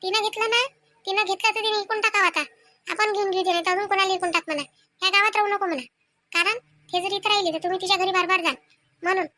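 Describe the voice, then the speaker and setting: Cartoon: very high, rapid-fire nagging village wife, a woman voicing her, Vidarbha Marathi accent, sarcastic. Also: steady tone, pushed and bright, no room sound. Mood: quarrelsome. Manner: scolding, sarcastic. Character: sharp-tongued quarrelsome village wife. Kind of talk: cartoon family comedy.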